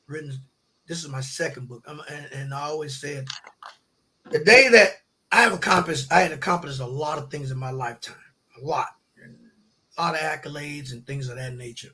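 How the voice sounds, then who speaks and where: Middle-aged guy with a husky voice, real bright, talks colloquial and animated, does the voices of people he quotes. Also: fairly high pitch, normal speed, long pauses. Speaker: podcast guest. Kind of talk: casual storytelling.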